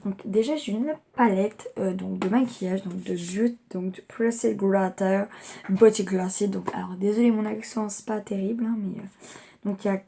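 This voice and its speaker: A woman's voice: mid-range voice, steady tone, moderate pace, gravelly, dark tone, a little hiss or hum. A young woman chatting casually as she unboxes gifts in a home vlog, rambling with lots of fillers. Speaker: vlogger.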